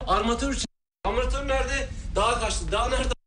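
A man's voice: very high voice, a little fast, bright, forceful tone, slight background noise. An actor playing a volatile, menacing stranded sailor who taunts and threatens his crewmates. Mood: ranting. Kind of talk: film drama acting.

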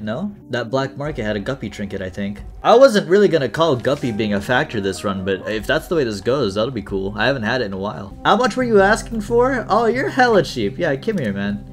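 Young man, mid pitch, excitable gameplay commentary, laughs a lot, faint game music behind. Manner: excitable, laughs often, talks to himself and the game. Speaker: gaming YouTuber.

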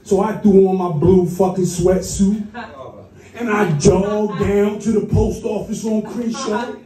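A man from Boston doing a loud, crude stand-up set, shouting at the crowd in a comedy club. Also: sits high, fairly even intonation, unhurried, recorded from a distance. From Boston, US East Coast. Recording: roomy club sound from afar, music.

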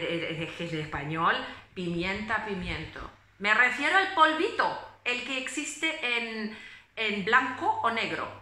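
A woman in her late twenties leads a phonetics lesson, slow and deliberate, stopping on fillers as she explains each sound. Her voice is bright and clear. The recording carries an echo from the room. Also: medium pitch. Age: late 20s. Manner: reads German prose aloud in a measured voice. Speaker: phonetics teacher. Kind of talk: German phonetics lesson in Spanish.

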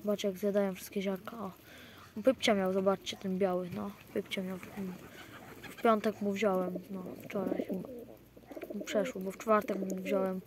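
A man's voice: sits high, level tone, normal speed, slight background noise. Rambling man outdoors among cooing pigeons. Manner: rambling, frequent fillers and restarts. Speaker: pigeon keeper. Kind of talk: casual vlog narration to viewers.

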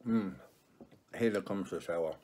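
A middle-aged man chatting casually to a camera on the table while eating sour candy, pausing and reacting as he tastes. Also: sits low, darkish tone. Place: small room indoors. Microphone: camera on the table in front. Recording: clear background noise, crinkling wrappers.

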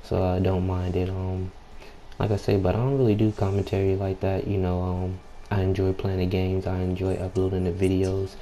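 Young man, gaming YouTuber. Deep, subdued, unhurried voice, extremely flat delivery, casual slangy commentary. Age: young adult. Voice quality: low, subdued voice. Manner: unhurried, laid-back, slangy, frequent "you know" filler; keeps clearing throat. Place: at home late at night, people nearby. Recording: home mic with background noise.

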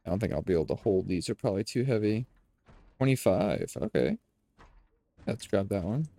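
Relaxed and brisk, a young gaming streamer talks over his play to viewers he addresses as "boys," speaking through a headset indoors in his home room. His voice is nasal, lowish and gravelly.

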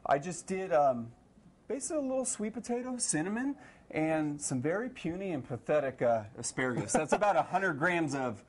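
A man in his thirties, a strength and conditioning coach, explaining workouts and nutrition as a guest on live TV, energetic and motivating, speaking on a lapel mic. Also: on the high side, brisk. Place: TV studio set and kitchen.

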